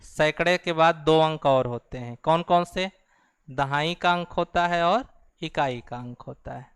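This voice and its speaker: A man teaches a math class in a patient, repetitive way. His voice is a touch high and very clean. The recording is dry, with no room sound. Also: a little slow, a bit bright, clean tone, no room sound. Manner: patient, repeats each step, calls out "bhai". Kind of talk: explaining place values on a board.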